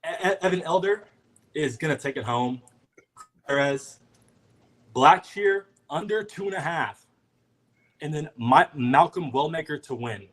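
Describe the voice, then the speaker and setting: A man's voice: on the high side, expressive, a little slow, long pauses, a bit bright. Slangy young-sounding male caller. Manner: slangy, confident, jokey. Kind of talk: casual chat.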